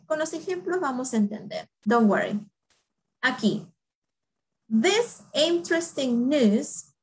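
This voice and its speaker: A woman's voice: fairly high pitch, low-quality recording. A woman teaching an English lesson online, explaining in Spanish and repeating English examples for learners with frequent check-ins. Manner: repeats phrases slowly for learners.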